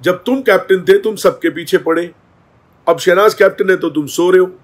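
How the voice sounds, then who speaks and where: A man hosting a commentary vlog, talking in an animated, gossipy, opinionated way. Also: high-pitched, moderate pace. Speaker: host.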